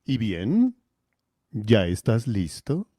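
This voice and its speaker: A man voicing an arrogant, cold alien tyrant from a cartoon, with a haughty, menacing, measured delivery. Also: fairly low pitch, huge pitch swings, mellow, no echo, full character voice. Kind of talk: cartoon villain dub parody.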